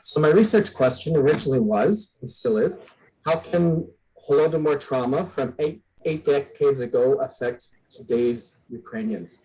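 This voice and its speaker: A man from Western Canada giving an academic presentation on a video call, measured and pausing often with "uh". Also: medium pitch, warm tone, rough recording. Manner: measured, with frequent "uh" fillers. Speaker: guest speaker, PhD researcher.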